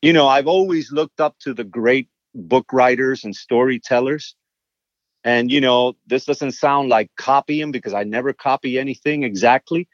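A man, a songwriter, telling stories animatedly in a casual interview, often repeating words as he gets excited. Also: medium pitch, moderate pace, dry recording, lo-fi sound. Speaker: songwriter and guest.

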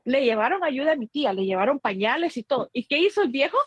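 A Guatemalan woman co-hosts a casual chat, speaking fast in a high voice with no room sound. She tells animated stories, mimics her relatives, and drops in English phrases.

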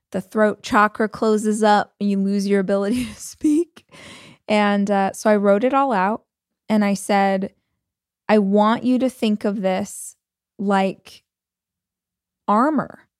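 A woman in her forties hosting a podcast, talking through a personal story in a loose, chatty way and dropping 'like' often. Her voice sits at an ordinary middle pitch. The sound is close and dry, with no room echo. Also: a little mellow. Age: 40s. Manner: chatty, fills speech with 'like'. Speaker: podcast host.

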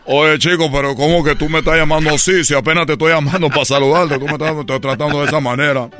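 A man's voice: a little high, fairly even intonation, fast, sharp tone, faint music behind. A man voicing a flustered male caller who keeps saying "oye, chico", in a comedy parody skit. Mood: chummy. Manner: sing-song, exclaiming "oye, chico".

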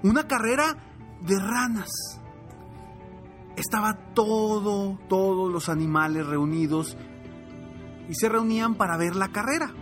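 Brief: animated coach, very high voice, spinning a motivational fable. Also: male voice, unhurried, long pauses, faint music behind. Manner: animated, repetitive storyteller. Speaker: motivational coach and podcast host. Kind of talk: motivational storytelling.

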